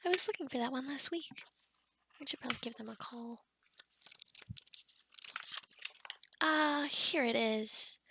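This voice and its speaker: A woman with a high-pitched, fairly bright voice plays a kind, scatterbrained forest witch in an ASMR roleplay. She rambles and mutters distractedly to herself, with whispery asides.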